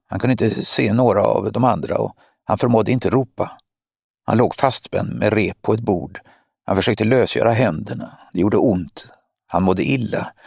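Male audiobook narrator, steady and measured, gravelly voice, dry close recording. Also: lowish voice, no room sound. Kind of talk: scripted narration.

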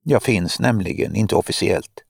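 Cold lecturing spymaster woman, menacing, man reading, gravelly low voice. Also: expressive, darkish tone, no room sound, clean studio sound, heavily acted. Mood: mocking. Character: cold scheming woman spymaster, middle-aged.

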